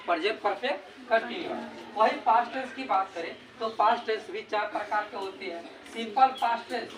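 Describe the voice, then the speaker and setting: A male teacher with a Bihari Hindi accent giving a grammar lesson, asking his own questions and answering them. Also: sits high. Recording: echoey room, distant mic, background noise.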